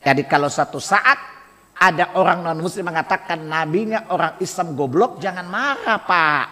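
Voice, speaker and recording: High bright-voiced preacher in a mosque hall. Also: male voice, lively intonation, normal speed. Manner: rhetorical, provoking the audience with repeated questions. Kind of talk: mosque sermon. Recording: long hall reverb in a mosque.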